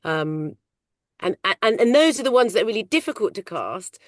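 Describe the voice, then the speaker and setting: A middle-aged woman working in film casting, talking loudly and animatedly in a casual interview. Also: mid-range voice, normal speed, dry recording, studio quality. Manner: loud, animated, chatty storyteller. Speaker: ADR casting coordinator.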